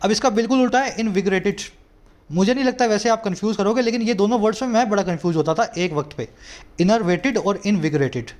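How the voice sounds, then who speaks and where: Man, Indian accent, high-pitched, English teacher, explains each term step by step, reads quotes slowly. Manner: explains terms step by step, often checking "ठीक है". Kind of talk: explaining a news article word by word.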